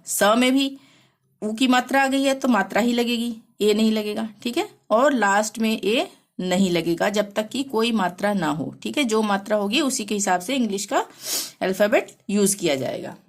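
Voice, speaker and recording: A woman teaching a language lesson, explaining slowly and patiently, often pausing to check that the listener follows. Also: on the high side. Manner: slow, repeats "theek hai" to check understanding. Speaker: Hindi teacher.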